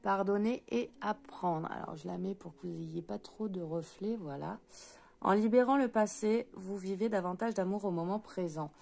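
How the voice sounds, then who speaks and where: Fast, stumbling French woman reading cards. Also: medium pitch, gravelly, darkish tone. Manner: talks fast and stumbles, many hesitant fillers. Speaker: intuitive card reader. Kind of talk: spoken card reading for viewers.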